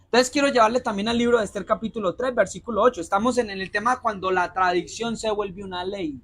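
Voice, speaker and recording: A man's voice: high voice, fast, fairly bright tone. A man preaching a sermon as pastor, speaking straight to his congregation and throwing them rhetorical questions to complete. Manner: direct, exhorting address to listeners.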